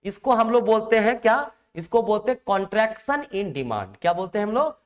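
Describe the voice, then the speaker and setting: A woman's voice: medium pitch, lively intonation, moderate pace. A woman teaching economics for exam prep in Hindi mixed with terms, asking questions and then answering them herself. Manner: asks and answers her own questions, checks in often.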